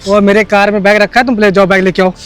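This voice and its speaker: A man playing a calm reassuring boss. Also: high-pitched, fast, clean tone, faint music behind. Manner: calm, soothing. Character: calm kind male boss reassuring a guard.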